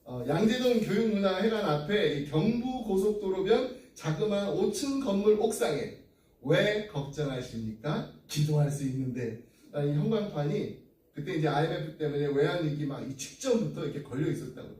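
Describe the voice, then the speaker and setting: A man's voice: high-pitched, lively intonation, moderate pace, darkish tone. A male pastor preaching an earnest sermon to his congregation, then closing in prayer. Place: church sanctuary. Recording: echoey room, distant mic.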